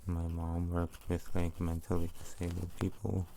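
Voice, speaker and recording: A person giving a casual whispered ASMR ramble in a soft, breathy, hesitant way that trails off. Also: completely flat delivery, normal speed, a little hiss or hum. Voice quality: soft breathy whisper, low and creaky when voiced.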